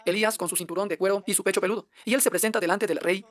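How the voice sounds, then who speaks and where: A man's voice: high-pitched, steady tone, rapid-fire, a bit bright. A man preaching a translated sermon, emphatic and firing off one rhetorical question after another.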